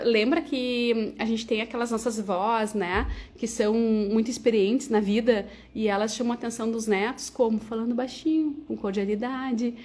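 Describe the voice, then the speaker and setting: Lively woman coaching speakers. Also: on the high side. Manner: lively, conversational, tags sentences with "né" and "tá". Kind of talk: livestreamed teaching talk.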